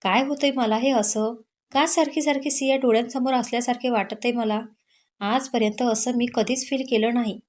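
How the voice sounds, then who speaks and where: A woman voicing a restless, lovesick young man in an audio story, speaking slowly and softly. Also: fairly high pitch, steady tone, lightly acted. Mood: bewildered. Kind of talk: Marathi audio story narration.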